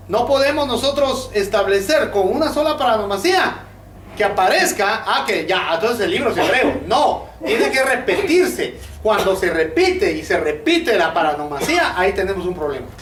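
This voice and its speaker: A man's voice: high-pitched, expressive, normal speed, a bit bright. A man giving a Bible study lecture, using many fillers and asking his listeners rhetorical questions. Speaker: teacher. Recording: roomy, distant mic with faint noise.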